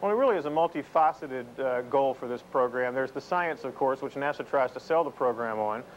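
A middle-aged man reporting live as a space correspondent, explaining things in a measured way. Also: medium pitch. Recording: dull, noisy VHS TV broadcast.

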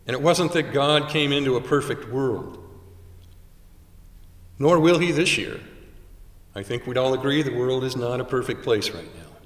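A man's voice: mid-range voice, a bit bright. Older man preaching in an echoey chapel. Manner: measured preaching with dramatic pauses. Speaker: chaplain. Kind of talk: sermon. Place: small chapel, indoors. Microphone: stand mic at pulpit, far camera. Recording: roomy chapel echo from far off.

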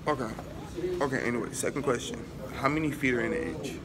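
A man's voice: mid-range voice, quick pace. A teenage boy filming on a handheld phone in a school, quizzing classmates with riddles and teasing their wrong answers. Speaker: vlogger asking riddles. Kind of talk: casual prank interview. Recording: noisy crowded school room. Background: students chatting.

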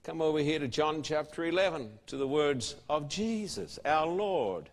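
A man's voice: a little high, expressive, moderate pace. A man preaching a sermon, emphatic and fond of rhetorical questions. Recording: long hall reverb.

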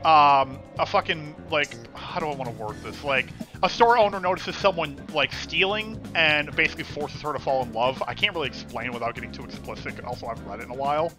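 Young guy w a lisp, crude sarcastic gamer banter, pitch bouncing all over, faint game music behind. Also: animated, fairly quick, few pauses. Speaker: let's play co-host. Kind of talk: casual gaming chat.

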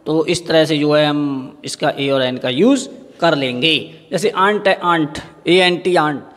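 High-voiced male teacher in an echoing room. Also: a bit bright. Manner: asks the class questions and answers them himself; repeats each example word slowly. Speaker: school teacher. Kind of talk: classroom grammar lesson.

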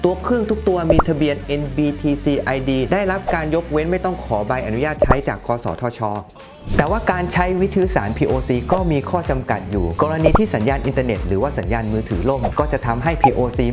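A man delivers a scripted explainer as a product presenter. He speaks to camera, and music plays clearly behind his voice. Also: a little high. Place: small bright indoor showroom. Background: background music.

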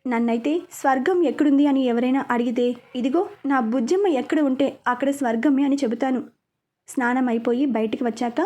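A woman narrating a romantic story in a calm, intimate way. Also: high-pitched.

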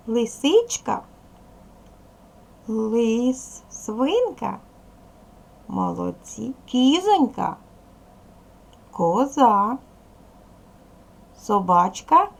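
A woman teacher talks slowly and patiently to young children in a recorded lesson. Her slightly high voice rises and falls a lot, with a gravelly edge. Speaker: primary school teacher. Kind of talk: recorded video lesson for second graders.

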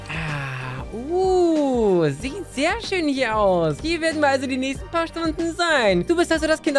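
High, lively woman gamer over music. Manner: excitable, shrieks and laughs at the game. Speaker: let's-play gamer. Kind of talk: gameplay commentary. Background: game music.

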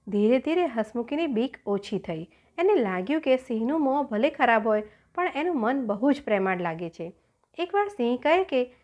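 A woman narrating a children's folk tale in an expressive, storytelling manner. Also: fairly high pitch, lo-fi sound. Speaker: audiobook narrator.

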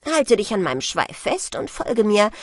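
A woman's voice: mid-range voice, big pitch swings, moderate pace, no room sound, clean studio sound. Woman reading as a sly old merman. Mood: sly, hearty. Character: old male merman, sly, hearty, fond of brandy.

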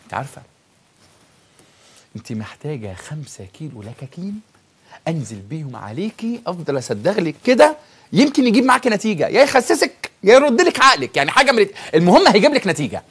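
Ranting Egyptian husband, very animated. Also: male voice, sits high, fast talker, breathy edge. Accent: Egyptian Arabic. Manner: exasperated, teasing husband, lively rants. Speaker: comedy sketch host. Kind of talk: Egyptian comedy sketch acting.

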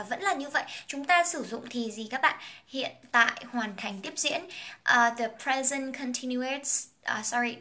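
A woman's voice: sits high, pushed and bright. A young woman whose first language is Vietnamese, teaching an English song, explaining phrases and pronunciation and singing lines in a casual, chatty way.

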